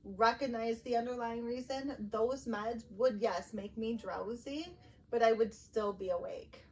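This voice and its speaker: A woman in her thirties co-hosts a podcast, telling personal stories in a candid, conversational way. Her voice sits on the high side and moves a little slowly, picked up from a distance in a rough recording with faint, steady background noise.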